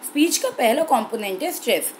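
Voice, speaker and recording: A young woman teacher explaining an exam-prep language lesson clearly and steadily, slowing down on key terms. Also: on the high side, big pitch swings, a little hiss or hum, poor audio.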